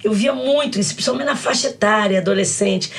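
Tearful expressive woman in her sixties. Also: medium pitch, fast talker, slight background noise. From Brazil. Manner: expressive, storytelling, laughs while talking. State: tearful, crying while speaking. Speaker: actress and guest. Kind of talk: emotional interview talk.

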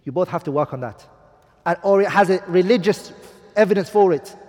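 In a large hall, a man with a high-pitched, darkish voice speaks fairly quickly, teaching a class on marriage as an Islamic teacher. Emphatic, he poses rhetorical questions to the students and quotes Arabic texts, including hadith and poetry.

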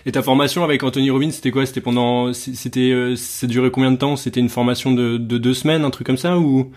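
A man's voice: mid-range voice, level tone, fast, a little mellow. A man hosting an interview, asking casual questions with many fillers and informal slang. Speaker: interviewer, podcast host.

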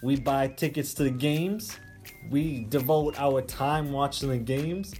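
A man's voice: mid-range voice, slow, darkish tone, soft background music. A man with a Boston accent, a guest on a casual radio chat, talking easily about his home team.

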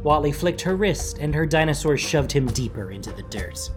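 Animated fantasy story narrator. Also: medium pitch, moderate pace. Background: background music.

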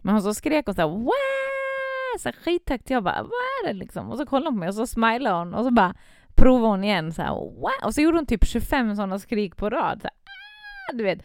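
A woman's voice: medium pitch, expressive, clean tone, no room sound. A woman chatting casually about her baby and her week, rambling with many fillers. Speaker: parent. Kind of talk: casual chat.

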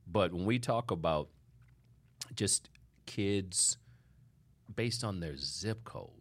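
A man hosting a studio interview podcast, speaking emphatically and warmly to his guest. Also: deep voice, expressive, takes it slowly. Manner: warm, emphatic, calls guest "sister". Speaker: podcast host.

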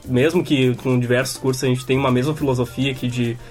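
A man's voice: medium pitch, level tone, quick pace, a little mellow, faint music behind. A man with a southern Brazilian accent hosting a casual talk, asking long, rambling questions. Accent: southern Brazilian Portuguese. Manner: rambling, conversational. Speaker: host. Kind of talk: casual podcast interview.

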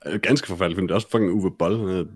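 Deep-voiced man in casual chat. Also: slightly rough. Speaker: podcast co-host. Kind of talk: casual film podcast chat.

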